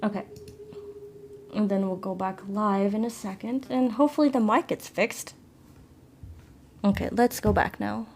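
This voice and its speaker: A woman's voice: mid-range voice, steady tone, measured pace, pauses often, darkish tone, slight background noise. Chatty, apologetic woman streamer. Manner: apologetic and chatty, talking to viewers. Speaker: livestreamer. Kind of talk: casual live stream, reading an interactive story aloud. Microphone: phone with a plugged-in mic.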